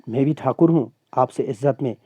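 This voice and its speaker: A man voicing a defiant traveller with an old grudge, in a steady, challenging reading voice. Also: mid-range voice, husky, no echo, natural voice.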